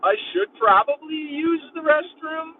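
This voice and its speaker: This young man's voice is very high, with lively intonation and a measured pace, as he drives his van and vlogs casually. He rambles, leaning hard on "like" and other fillers, over faint engine and road noise. The thin, phone-like audio comes from a mic placed some distance away in the car.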